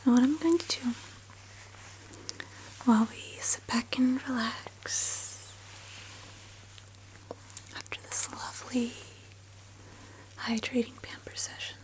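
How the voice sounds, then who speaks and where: A woman in a whispered role-play of a spa pampering session, speaking softly and soothingly, with gentle personal attention to the listener. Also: a little high, slow pace, pauses often, rough recording. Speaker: ASMR host.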